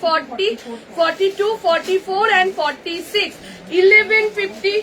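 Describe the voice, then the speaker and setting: A woman with a Kolkata Bengali accent, selling clothes on a live stream, brisk and chatty as she reels off sizes and prices. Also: extremely high pitch, bright, forceful tone, low-quality recording. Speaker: online kurti seller. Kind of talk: live-stream sales pitch. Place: clothing shop.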